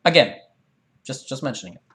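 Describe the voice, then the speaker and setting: Brisk and expressive, a man with a medium-pitched, fairly bright voice hosts a live fandub stream. He chats casually with viewers and reads game dialogue, explaining things in a roundabout way and regularly restarting his sentences.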